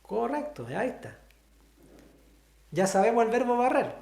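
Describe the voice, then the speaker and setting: A very animated man with a Chilean accent teaches an online sign language class at a moderate pace in an echoey room, explaining step by step and asking frequent questions. His very high-pitched voice is gravelly with a dark tone.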